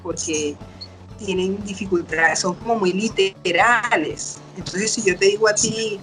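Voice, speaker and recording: A woman's voice: mid-range voice, a little slow, fairly bright tone, faint music behind. A middle-aged woman doctor, explaining patiently in an interview. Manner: patient, explanatory, acts out quoted parents and children. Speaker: doctor, guest expert. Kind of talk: explaining casual interview talk.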